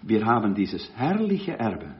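Slow, animated preacher man. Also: on the low side, a little hiss or hum. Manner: slow, emphatic, swelling to loud stresses. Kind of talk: sermon. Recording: dull lo-fi recording.

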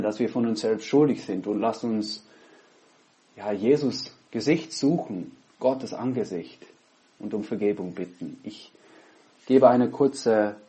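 With a mellow voice on the low side, a Dutch pastor preaches and prays earnestly online in German with a Dutch accent. He uses a headset at his home laptop and pauses often between phrases.

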